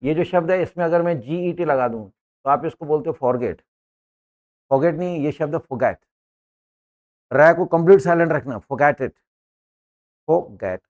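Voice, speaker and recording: A man's voice: fairly high pitch, a little mellow. A man teaching an English lesson to a class, explaining words and pronunciation step by step and often checking with "है ना?". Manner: explains slowly, often asks "है ना?".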